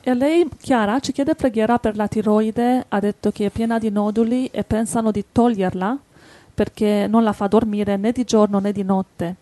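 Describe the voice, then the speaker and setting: A woman's voice: medium pitch, steady tone, normal speed, dark tone, no echo. A woman from Hungary co-hosting an informal devotional chat. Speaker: co-host.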